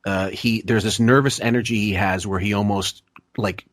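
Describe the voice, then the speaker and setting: A man hosting a casual podcast discussion, blunt and profane, talking in rushing restarts. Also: lowish voice, fairly even intonation, no echo, studio quality. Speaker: podcast host.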